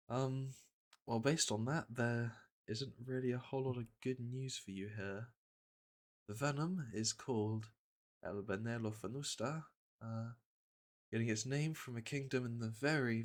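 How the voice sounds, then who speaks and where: In a fantasy ASMR roleplay, a man voices a gentle veteran monster hunter, speaking softly and soothingly in a fairly low pitch. He comes across as concerned, with a hesitant yet matter-of-fact, reassuring manner.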